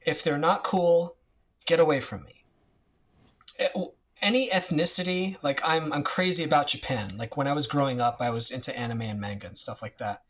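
This American man is a guest chatting casually about politics, rambling along with lots of fillers and restarts. His voice sits fairly high and a bit bright, at a moderate pace, captured in slightly dull lo-fi audio.

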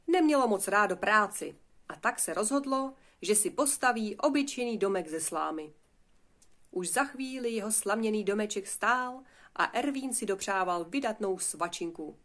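A woman reading a children's fairy tale aloud in a lively, expressive way. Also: mid-range voice. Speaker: storyteller. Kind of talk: storybook reading.

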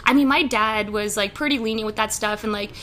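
A young woman racing driver, telling stories in a casual interview, animated and laughing often, with many fillers. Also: medium pitch, fairly quick. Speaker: race car driver guest.

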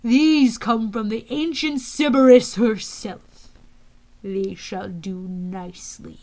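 A woman voicing a cold, scheming male villain general who speaks slowly and loudly. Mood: gloating. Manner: slow, booming, menacing delivery.

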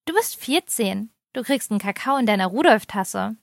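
A woman's voice: fairly high pitch, expressive, normal speed, creaky, no echo. A woman voicing a giddy, overexcited mother who teases and gushes. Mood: gushing. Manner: giggly, overexcited, teasing. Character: excitable gushing mother, woman.

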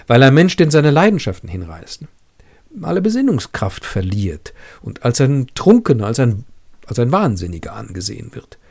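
A man reading aloud the lines of a sober, rational young gentleman who speaks impatiently and disapprovingly. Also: medium pitch, very animated, moderate pace, creaky. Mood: firm.

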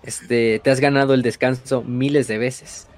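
A man with a Mexican accent voicing a gentle, godlike father figure, retelling his words solemnly in a near-normal voice. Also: mid-range voice, steady tone, measured pace, lightly acted. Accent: Mexican Spanish.

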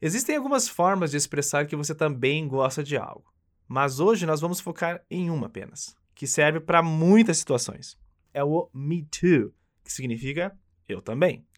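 A man's voice: a little high, animated, moderate pace. A man with a Brazilian accent, leading an upbeat English lesson and coaching the listener through repeated phrases. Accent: Brazilian Portuguese. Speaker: English teacher. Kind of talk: friendly language lesson.

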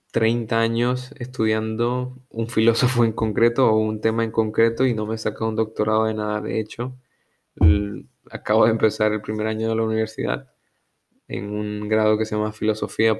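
A young man from Venezuela, about to turn twenty, hosting his own podcast in a slow, hesitant solo monologue, often restarting as he searches for words. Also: fairly low pitch, a little mellow, clean tone. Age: young adult. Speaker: podcast host.

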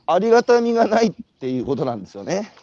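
Animated host with a northern Japanese twang. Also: male voice, sits high, rapid-fire, dry recording, muffled recording. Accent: Tohoku Japanese. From Iwate, Japan. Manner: animated, storytelling with rhetorical questions. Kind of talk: walking conversational interview. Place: outdoors, walking.

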